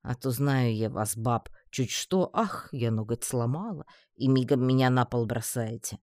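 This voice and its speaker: Gloomy talking sword, voiced by the reader, low slow grumble, dry close sound. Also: darkish tone, no room sound, lightly acted. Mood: grumbling. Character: grumpy talking sword, male.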